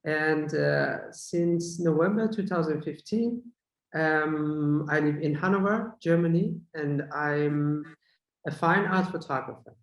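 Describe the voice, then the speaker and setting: Casting note: man in his thirties from Iran, unhurried and plain, on a video call. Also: fairly high pitch. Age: 30s. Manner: brief, plain statements with short pauses. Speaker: featured artist. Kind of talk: online interview. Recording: roomy echo.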